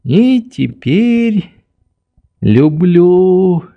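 A man voicing a slow, prim old doctor. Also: high-pitched, big pitch swings, dry recording, narrow, tinny audio, pitched above the performer's own voice, exaggerated voice. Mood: mild reproach. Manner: slow, measured, gently reproving. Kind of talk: audiobook character reading.

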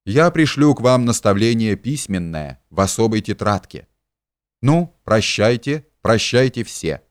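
A man's voice: lowish voice, big pitch swings, measured pace, no echo, clean studio sound. A man voicing a pompous, hypocritical middle-aged man who preaches and shrieks in indignation. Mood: sermonizing.

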